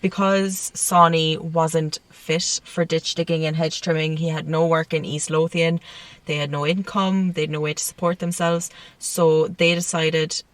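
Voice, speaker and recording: A woman's voice: sits low, flat delivery, measured pace, no echo, distant mic. Chatty woman telling a grisly tale. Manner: chatty storyteller, frequent laughs and swearing. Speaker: podcast co-host. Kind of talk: casual true-crime podcast chat. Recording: dry sound, set back from the mic.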